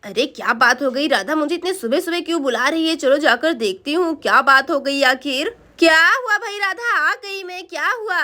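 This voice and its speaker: A woman voicing an easygoing village neighbor woman with a soft, drawn-out way of talking. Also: high voice.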